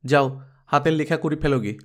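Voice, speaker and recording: A man voicing an affectionate mother who scolds her little daughter gently, read as an audiobook character. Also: a little high, moderate pace, lightly acted. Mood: chiding. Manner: fond, gently chiding. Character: affectionate scolding mother, middle-aged woman.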